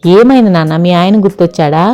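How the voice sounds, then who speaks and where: A woman's voice: fairly high pitch, moderate pace, darkish tone, soft background music, lightly acted. A woman playing a fussing, fond mother. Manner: anxious, affectionate.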